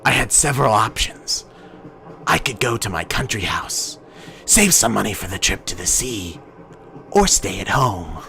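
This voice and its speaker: Animated man reading a game aloud. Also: fairly low pitch, unhurried, vocal fry. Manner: stumbling, mock-dramatic reading broken by laughter and swearing. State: voice strained. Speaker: gamer reading a visual novel aloud. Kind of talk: comedic let's-play reading.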